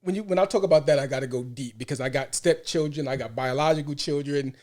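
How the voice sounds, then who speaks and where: A man's voice: on the high side, fast talker, a little mellow. A man with a Brooklyn, New York accent hosting a podcast in casual conversation, emphatic and given to repeating phrases. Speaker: podcast host.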